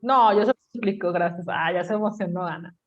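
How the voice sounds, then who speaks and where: A woman's voice: fairly low pitch, brisk, lo-fi sound. A woman teaching a class, chatty and teasing, often checking in with her students with questions. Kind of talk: online class lecture.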